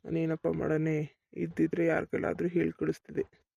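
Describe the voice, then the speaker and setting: A man's voice: on the high side, monotone, normal speed, vocal fry, mellow, breathy edge, dry recording. A man in a village comedy skit, playing a sick laborer, pleading. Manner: pleading, whiny village talk. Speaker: comic actor playing a sick farm laborer.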